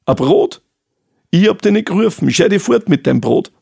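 A man voicing a wild, grumpy, ragged woman of fate who shouts gruffly in a storybook tale. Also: high voice, animated, moderate pace, pitched above the performer's own voice, exaggerated voice. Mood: angry.

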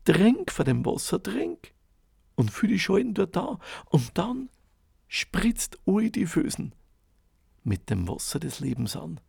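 A man voicing a croaking, gruff old bird in a fairy tale. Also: high-pitched, wildly swooping pitch, takes it slowly, a little mellow, dry recording, clean studio sound, pitched above the performer's own voice, heavily acted. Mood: instructing. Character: croaking old bird perched in a magic tree.

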